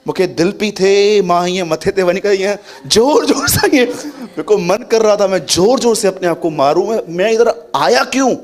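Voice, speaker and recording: Animated man preaching, music behind. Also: sits high, normal speed, hardly any pauses. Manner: animated, acts out quotes and laughs. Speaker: pastor. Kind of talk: sermon.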